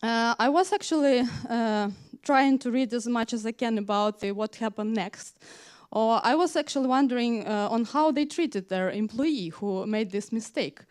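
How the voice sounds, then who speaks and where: A woman's voice: a little high, normal speed, a little mellow, smooth. A woman from Ukraine giving a conference talk, speaking with many hesitations and frequent fillers. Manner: hesitant, frequent "uh" fillers, non-native grammar. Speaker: conference speaker, tech manager. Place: conference hall.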